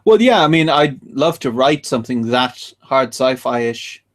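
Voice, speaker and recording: A man with an average-pitched voice co-hosting a writing podcast. He chats casually and explains ideas with enthusiasm, then wraps up the episode. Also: animated, unhurried. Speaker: podcast co-host. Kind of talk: casual chat about writing.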